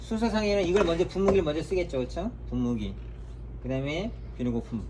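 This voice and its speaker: A barber instructor, a man, demonstrating in a classroom with a slightly higher voice. He keeps repeating short instructions and snaps corrections at students. Clear background noise runs under his voice. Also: fast. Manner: repetitive, directive, scolds students sharply. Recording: noisy room recording.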